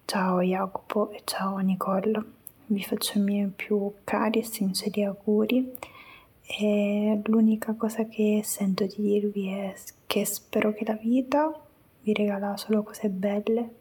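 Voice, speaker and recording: Softly whispering woman. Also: mid-range voice, little pitch movement, a little slow, husky. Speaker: friend sending wedding wishes. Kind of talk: whispered video message.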